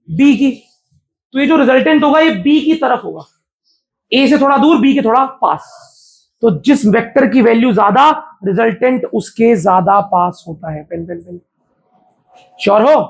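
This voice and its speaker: A man's voice: very high voice, vocal fry. A man teaching a physics class live to students, talking casually and often throwing questions at the class. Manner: chatty, keeps quizzing the class.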